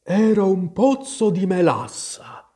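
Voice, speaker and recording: A man voicing a sleepy, grumpy male dormouse in a storybook reading, with a faint, hoarse, drawn-out voice. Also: high voice, big pitch swings, dark tone, pitched above the performer's own voice, exaggerated voice. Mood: drowsy. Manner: drawn-out, drowsy speech.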